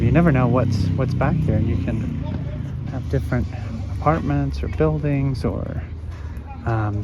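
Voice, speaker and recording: This is a dull phone recording made outdoors, with traffic audible, of a man vlogging a walk down a residential street. Still hoarse from a recent illness, he speaks in a mid-range voice. His commentary is rambling, unhurried, and riddled with ums.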